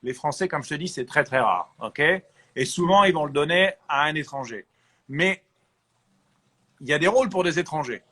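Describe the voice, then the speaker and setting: A man from France, an actor, chatting as an interview guest and giving lively advice. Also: fairly high pitch, normal speed, breathy edge. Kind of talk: casual interview chat.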